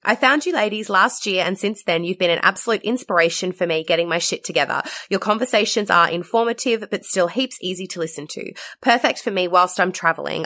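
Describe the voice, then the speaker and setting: An Australian woman co-hosting a podcast in casual chat, her voice slightly husky from a mild cold. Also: on the low side, bright, forceful tone. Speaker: podcast co-host. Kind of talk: casual chatty podcast talk.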